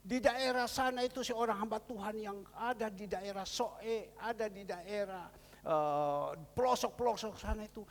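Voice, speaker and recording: A male pastor preaching a sermon, retelling a story in quoted dialogue and switching between emphatic raised passages and low, murmured asides. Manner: storytelling, quoting people in the story. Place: church hall. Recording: long church-hall reverb.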